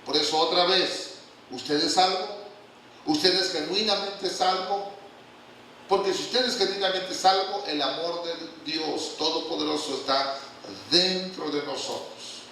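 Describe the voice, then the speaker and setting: An older man delivers a lively, joking church sermon and keeps calling out questions to his congregation. His voice is bright and slightly high for a man. It is picked up from a distance in a very echoey church hall with faint background noise. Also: measured pace. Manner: lively, humorous preaching with call-and-response questions. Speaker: guest pastor.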